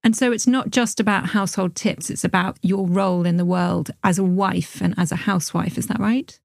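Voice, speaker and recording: A woman's voice: lowish voice, fairly even intonation, a little fast, no echo, clean studio sound. A woman hosting a podcast, introducing a guest and asking short, inquisitive questions. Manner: crisp, inquisitive. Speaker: podcast host. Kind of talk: scripted interview hosting.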